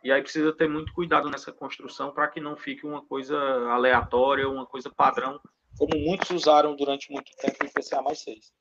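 A man's voice: mid-range voice, little pitch movement, a bit bright, slight background noise. A man, a consultant guest, explaining investment rules step by step and often checking in with his listeners. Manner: fast, step-by-step explaining with frequent "né?" tags. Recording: dull lo-fi audio.

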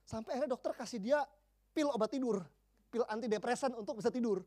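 A man in his forties, a pastor preaching a sermon, telling counseling stories in lively slang and acting out the people he quotes. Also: very high-pitched, quick pace. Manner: animated storytelling, slangy, acts out the people he quotes.

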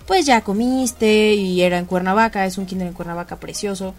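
A woman with a Mexican accent talks in a mid-pitched, easygoing voice. She jokes about herself playfully into a handheld microphone, with faint music behind. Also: fairly quick. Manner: playful, self-mocking. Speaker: teacher. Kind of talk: casual chat.

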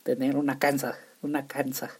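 With a northern Mexican accent, this young podcast host from Chihuahua runs a relaxed solo show, frequently tripping on words and restarting. He speaks at medium pitch with little pitch movement, at a moderate pace, in a husky voice.

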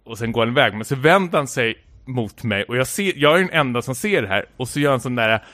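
A man's voice: medium pitch, expressive, pushed and bright, dry recording, clean studio sound. A man telling a long anecdote in casual chat, full of filler words, stumbles and restarts. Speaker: podcast co-host telling a story.

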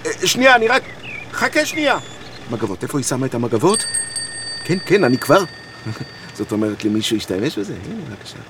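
An actor playing a harried guesthouse owner who stammers and grumbles, in a comedy radio play. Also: male voice, mid-range voice, sing-song, pauses often, background noise. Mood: flustered. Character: flustered harried middle-aged man running a guesthouse.

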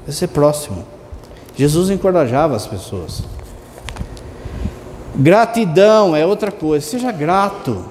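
A priest giving a colloquial, lively Sunday homily, now and then mimicking his parishioners. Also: a little high, unhurried, long pauses, in a large hall, slight background noise. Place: church.

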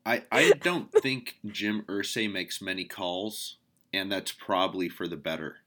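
A man's voice: deep voice, measured pace, fairly bright tone. A man co-hosting a casual sports chat, emphatic and nitpicky. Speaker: podcast co-host.

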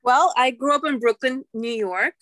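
A woman's voice: high voice, normal speed, a bit bright, dry recording. Reflective Russian-born woman, dry close sound. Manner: reflective, searching for words. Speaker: podcast guest. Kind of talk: casual podcast chat.

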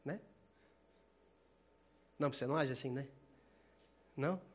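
A man preaching an informal sermon in a casual, animated, slangy way, laughing often. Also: medium pitch, measured pace.

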